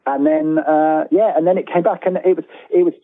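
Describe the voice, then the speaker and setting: A middle-aged man chats as an interview guest on a thin, phone-like line, speaking fairly quickly in a slightly high voice with little pitch movement and no room sound. He rambles, is self-deprecating, and sounds enthusiastic.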